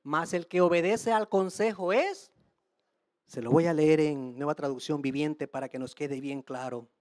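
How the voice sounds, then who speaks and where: A woman's voice: low-pitched, normal speed, a little mellow, dry recording, studio quality. A woman preaching a sermon, emphatic, asking the listeners rhetorical questions and calling them brothers and sisters. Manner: addresses the audience as brothers and sisters; streams to listeners online.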